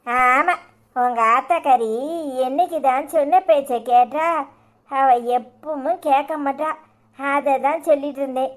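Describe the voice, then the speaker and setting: A woman voicing a doting old grandmother in a cartoon, coaxing and drawn-out with a Tirunelveli Tamil accent. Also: high-pitched, steady tone.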